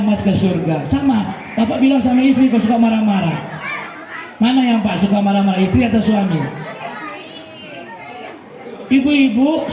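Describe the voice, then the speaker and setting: Very high-voiced joking male preacher. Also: a little mellow, a little hiss or hum. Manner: joking, calls out to listeners constantly. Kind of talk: humorous sermon with crowd banter. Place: mosque celebration with congregation. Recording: echoey mosque hall, crowd murmur.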